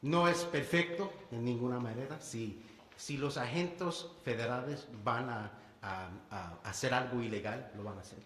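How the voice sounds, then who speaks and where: Legislator, male, 30s, Puerto Rican accent; halting, mixes in English; roomy hall echo. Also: mid-range voice, a bit bright, a little hiss or hum. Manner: halting, many restarts, slips into English words. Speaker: state legislator. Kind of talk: press conference speech. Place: bill signing event indoors. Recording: echoey hall with long reverb.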